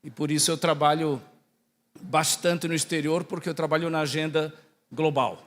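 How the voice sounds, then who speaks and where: A priest from southern Brazil, with a Santa Catarina accent close to Portuguese, gives a conversational religious talk, teaching and often asking his listeners questions and checking in. His voice is fairly high and fairly even in intonation, at normal speed. The large hall echoes with long reverb.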